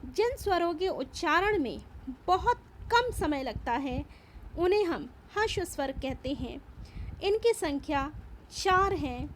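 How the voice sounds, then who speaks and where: A woman's voice: high-pitched, lively intonation, slow, slight background noise. A woman teacher giving a patient, step-by-step grammar lesson, explaining and repeating each point. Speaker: school teacher. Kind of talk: slow classroom grammar lesson.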